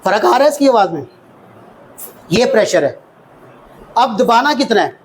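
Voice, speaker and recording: A man's voice: very high voice, very animated, moderate pace, slight background noise, rough recording. A man with a Pakistani Urdu accent teaching a hands-on CPR workshop, drilling counts aloud and quizzing his class. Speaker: CPR trainer. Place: training workshop room with children.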